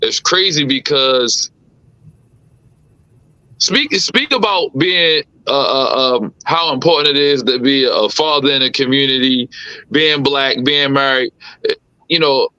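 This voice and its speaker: A man in his thirties from the Caribbean, chatting casually as an interview host. His voice is bright and crisp with a dry, close sound, and he asks his questions in a loose, slangy way. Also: medium pitch, slow, no room sound, highs cut off. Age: 30s. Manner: relaxed, conversational, slangy questions. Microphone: remote live-stream call.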